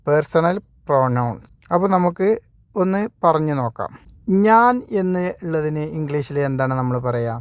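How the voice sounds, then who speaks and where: Smooth-voiced man drilling English words. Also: fairly high pitch, lively intonation, moderate pace, dry recording. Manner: drills words by asking then answering and repeating. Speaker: spoken English teacher. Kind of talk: online language lesson.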